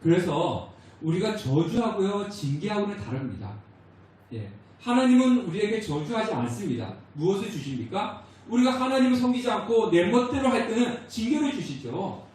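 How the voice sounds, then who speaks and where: A pastor preaching a sermon, asking the congregation questions and answering them himself, with short quoted lines spoken out in a raised voice. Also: male voice, sits high, sing-song, moderate pace, a little mellow. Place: church sanctuary. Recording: very echoey church hall, voice from far off.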